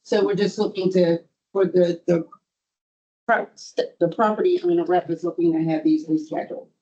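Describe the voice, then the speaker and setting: A board administrator reads out a formal report in a halting, procedural way. The voice is mid-pitched and very mellow, and the meeting audio sounds muffled. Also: steady tone.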